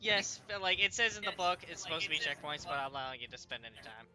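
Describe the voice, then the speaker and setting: A man running a tabletop roleplaying session, talking through the rules with lots of fillers. His voice sits high and swings widely in pitch. Music plays underneath. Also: animated, fast. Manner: explains rules with frequent fillers. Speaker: game master. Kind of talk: running a tabletop game over voice chat.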